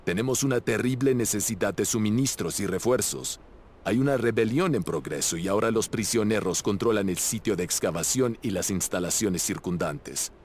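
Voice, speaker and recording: A man's voice: on the low side, normal speed, darkish tone, a little hiss or hum, lightly acted. An actor voicing a stern male commander with a Russian accent, reading a formal log in a game. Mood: cold.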